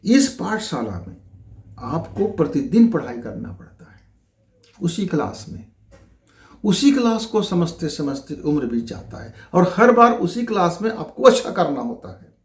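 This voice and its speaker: A man's voice: fairly high pitch, sing-song, a little slow, echoey room. A middle-aged man, a spiritual teacher, giving a motivational talk that calls listeners friends and runs through long lists of rhetorical questions.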